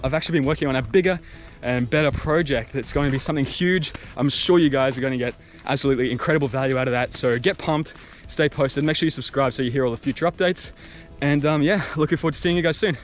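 A young man talks to his camera while walking a wooded trail, friendly and upbeat, calling his viewers guys. His voice sits at an ordinary middle pitch. Faint music plays underneath. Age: young adult. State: just back from a run, walking. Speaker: archery coach and channel host. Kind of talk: casual walk-and-talk vlog. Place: outdoors on a wooded bush trail. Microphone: camera held at arm's length.

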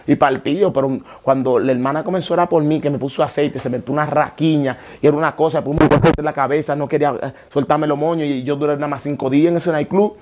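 Fast, excitable man testifying. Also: a little high. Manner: animated storyteller, frequent restarts and repeated words. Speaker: interview guest giving a conversion testimony. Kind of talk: emotional testimony.

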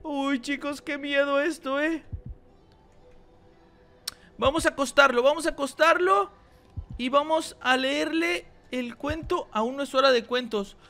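A woman hosting a let's-play video, playing alongside her young child, who gets excited and shrieks in alarm at the game and talks straight to her viewers. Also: high-pitched, unhurried, long pauses, faint music behind. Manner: addresses viewers directly. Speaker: gaming channel host.

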